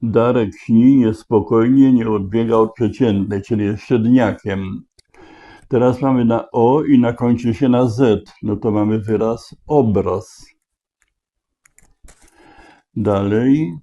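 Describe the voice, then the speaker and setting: A man thinking aloud as he solves a crossword, slowly spelling out letters and checking each word. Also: medium pitch, dark tone. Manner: slow, deliberate, spelling out letters. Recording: dull lo-fi recording.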